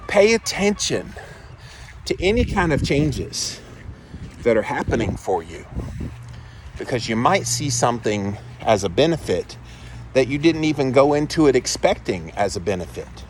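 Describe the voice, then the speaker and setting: A man's voice: mid-range voice, very animated, moderate pace, slight background noise. A man talking casually and emphatically to his viewers in a vlog, recorded on a handheld phone outdoors. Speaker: vlog host. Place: backyard, outdoors.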